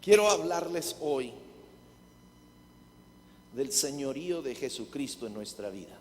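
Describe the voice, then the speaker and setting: A man preaching a sermon with jokes, often quizzing the congregation with quick questions. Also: mid-range voice, expressive, a little mellow. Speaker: guest preacher. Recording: long hall reverb.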